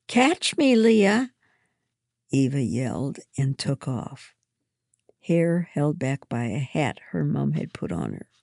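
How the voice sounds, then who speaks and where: A woman reading a first-person story aloud in a gentle, measured way. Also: extremely low pitch, sing-song, creaky, no room sound, clean studio sound. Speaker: narrator.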